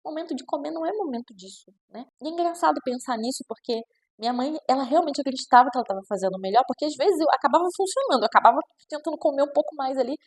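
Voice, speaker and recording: A Brazilian woman who works as a child nutritionist talks to camera in a quick, slightly high voice. Her delivery is casual and reflective, full of chatty tag questions, and she brings the parents in her examples to life in shifting voices. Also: animated. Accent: Brazilian Portuguese. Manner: chatty, with frequent "né?" tags.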